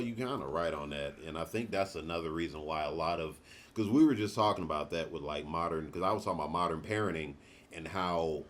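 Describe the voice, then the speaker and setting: A man hosting a podcast in casual chat, rambling and swearing freely. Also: low voice. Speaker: podcast host.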